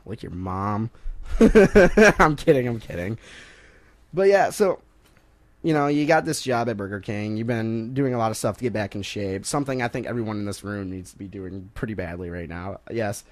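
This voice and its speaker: A young man hosting a casual sports talk radio show, joking and rambling between topics and quick to laugh. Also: lowish voice, a little mellow. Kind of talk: casual college radio banter.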